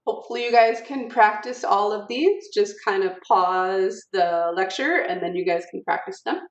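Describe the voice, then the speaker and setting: A woman's voice: medium pitch, normal speed. A woman teacher giving a recorded lecture in an informal, filler-heavy way, reading example sentences aloud to show word stress. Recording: roomy, distant, dull audio.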